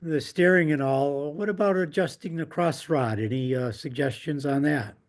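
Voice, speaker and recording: A man casually asking a question in hesitant, halting phrases. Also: fairly high pitch. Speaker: audience member asking questions.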